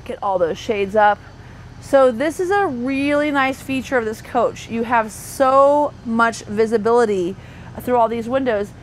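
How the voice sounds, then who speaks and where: A woman's voice: a little high, unhurried. A woman, an RV sales associate, giving a thorough walkthrough tour inside a parked motorhome, talking chattily with fillers and self-corrections. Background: faint hum of air conditioning.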